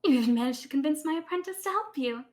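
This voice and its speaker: A gracious high priestess speaks in a light, airy, high voice, as a woman plays her. She is calm and gently teasing, a character in a live role-play. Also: quick pace. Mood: gentle.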